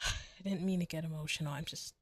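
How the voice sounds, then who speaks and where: Brief: a woman playing a tender, protective bodyguard in whispered role-play; breathy, lowish voice, dry close mic. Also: fairly even intonation, no echo. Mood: tender whispering. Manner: halting, emotional, sighing often.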